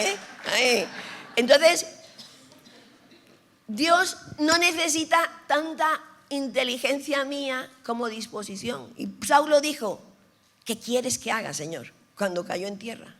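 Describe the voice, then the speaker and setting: Woman preaching in a reverberant hall. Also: a little high. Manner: animated preaching, storytelling, teasing the audience. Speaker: pastor. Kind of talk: sermon. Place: large church hall.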